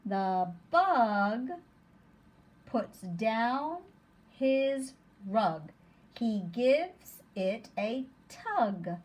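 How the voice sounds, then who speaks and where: A woman teacher reading a simple story aloud to young children, sounding out each word slowly and clearly. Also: fairly high pitch, very animated, darkish tone. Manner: slow, deliberate, sounding out words.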